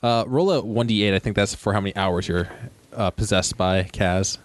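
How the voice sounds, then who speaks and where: A man's voice: on the low side, normal speed, no echo. A man running a tabletop game as game master, joking and laughing often as he narrates.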